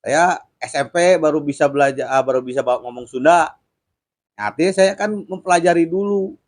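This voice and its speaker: A man's voice: fairly high pitch, moderate pace. A man hosting a casual commentary chat, explaining points patiently and laughing at his own jokes. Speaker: host.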